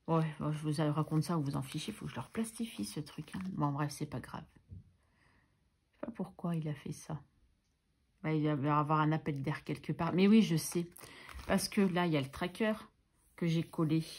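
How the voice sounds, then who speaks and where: A woman's voice: low voice, a little mellow, husky. Chatty French woman talking to herself. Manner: chatty, talks to herself, self-teasing. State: coughing, a bit ill. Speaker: budgeting vlogger. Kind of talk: casual chatty voice-over while doing crafts.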